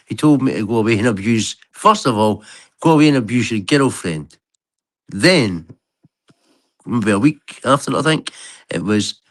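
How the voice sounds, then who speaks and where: A Scottish man with a Glasgow street accent, arguing bluntly and swearing freely on a live stream. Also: mid-range voice. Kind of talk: heated argument on a live stream.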